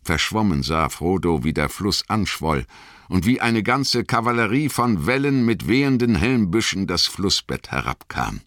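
Deep-voiced man reading a story dramatically. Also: fairly bright tone, no room sound, clean studio sound. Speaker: audiobook narrator. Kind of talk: scripted narration.

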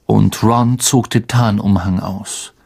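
A man narrating an audiobook in a measured storytelling manner. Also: lowish voice, steady tone, creaky, darkish tone, husky. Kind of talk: scripted narration.

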